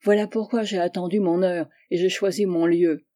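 A passionate young man, voiced by a woman narrator presses his feelings with forceful insistence. The tone stays mellow and warm. It is an audiobook reading of a novel. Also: lowish voice, fairly even intonation, normal speed, natural voice. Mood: insistent.

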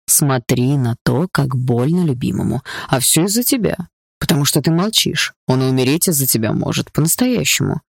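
A woman's voice: rumbling low, animated, normal speed, vocal fry, slightly rough, no room sound, studio quality, full character voice. A woman doing a cold, mocking stepfather villain. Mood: taunting. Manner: mocking and falsely gentle. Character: cruel, coldly calm stepfather.

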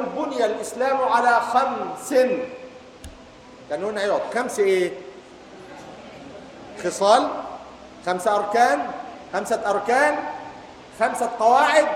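Egyptian guy teaching a class, high voice, keeps asking the students questions, echoey hall w faint hiss. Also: a bit bright. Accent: Egyptian Arabic. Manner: quizzes students and recites verses. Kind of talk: lecture to students.

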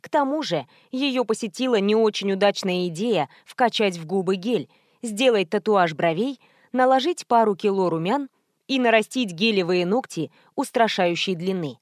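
A woman's voice: mid-range voice, lively intonation, normal speed, no echo. Female audiobook reader, mid-range voice, wry first-person storytelling, close dry sound. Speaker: audiobook narrator. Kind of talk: expressive first-person scripted narration.

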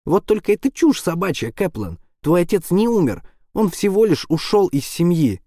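Man doing a furious teenage boy yelling. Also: high-pitched, sing-song, a little slow, no echo, clean studio sound, voice pushed up, full character voice. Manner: yelling, scornful.

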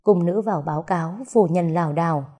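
A woman narrating an audio story in a calm, even storytelling manner. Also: lowish voice, quick pace, slightly rough.

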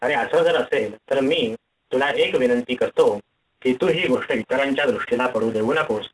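A man's voice: medium pitch, moderate pace, recorded from a distance, close to an everyday voice, low-quality recording. A man reading the lines of a wise village man who gives earnest advice.

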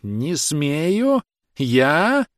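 A man's voice: very animated, takes it slowly, dry recording, studio quality, full character voice. A man doing a shrieking brutal police officer. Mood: outraged. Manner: shrill, shrieking and hoarse when angry.

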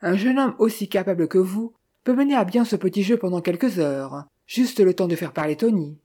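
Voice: mid-range voice, animated, moderate pace, mellow, slightly rough. A reader voicing a patient, courteous middle-aged detective in an audiobook, speaking with formal, ornate politeness.

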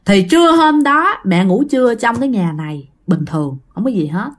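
A woman's voice: medium pitch, moderate pace. A middle-aged woman with a Southern Vietnamese accent, telling a ghost story and talking straight to her listeners. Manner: animated, addresses listeners directly.

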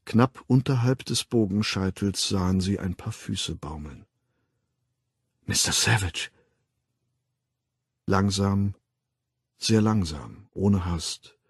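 A man narrating an audiobook with a measured, dramatic, husky reading. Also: fairly low pitch, darkish tone, no echo, clean studio sound. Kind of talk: scripted narration.

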